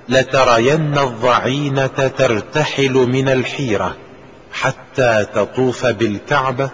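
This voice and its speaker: A man reading religious texts aloud in a measured, solemn manner. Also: mid-range voice, fairly bright tone, breathy edge. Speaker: religious reader. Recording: reverberant recording with faint noise.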